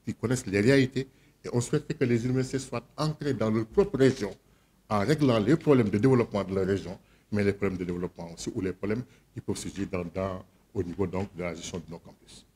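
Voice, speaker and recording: In a meeting hall, a man with a fairly low, slightly breathy voice chairs a board meeting. His formal address is measured, but he turns loud and directive when calling votes.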